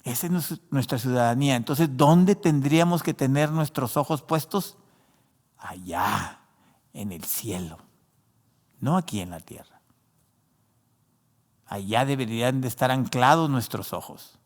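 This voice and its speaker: Unhurried and with long pauses, a pastor with a medium-pitched, lively voice preaches in a large hall. A non-native Spanish speaker, he addresses his listeners as "hermano," restarting frequently and leaning on fillers.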